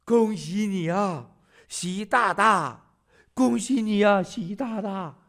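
A man mimicking a fawning older American executive with a high, mocking sing-song voice. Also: slow pace, a bit bright, full character voice.

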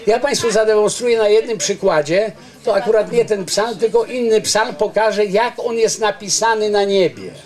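An older man with a rather high voice delivers an informal public lecture under a garden tent. He holds a microphone in his hand and explains in an earnest, rambling way, often breaking off to restart a thought. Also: darkish tone. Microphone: handheld microphone.

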